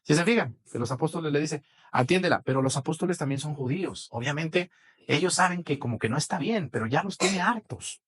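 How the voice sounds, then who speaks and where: A priest with a Mexican accent preaches a sermon, chatting conversationally with the congregation and asking them questions. His voice is a little high and expressive with a breathy edge, and he speaks a little fast.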